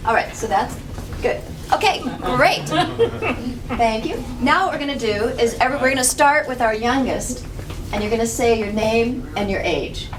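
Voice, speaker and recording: A woman in her fifties facilitating a group exercise, giving brisk directions and laughing easily. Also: fairly high pitch, expressive. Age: 50s. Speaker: workshop facilitator. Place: indoor meeting room with a group. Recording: distant mic with background noise.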